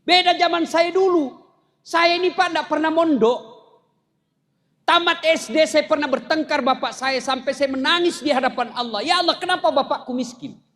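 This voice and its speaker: A man's voice: very high voice, normal speed, a bit bright. A man giving a humorous sermon, telling stories with jokes and raising his voice for the punchlines. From South Sulawesi, Indonesia. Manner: storytelling with jokes, raises voice for punchlines. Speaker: preacher.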